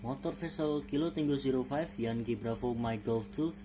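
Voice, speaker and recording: A man's voice: mid-range voice, brisk, noisy background, close to an everyday voice. A man playing a ship's officer in a marine radio demonstration, with formal, clipped call-sign phrases. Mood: formal, procedural.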